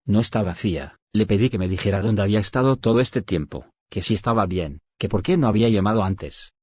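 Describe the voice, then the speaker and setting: A man tells a first-person horror story as scripted narration, in a low, husky voice. He keeps a steady storytelling pace and slows down on key moments. The sound is dry and close, with no room around it. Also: no room sound.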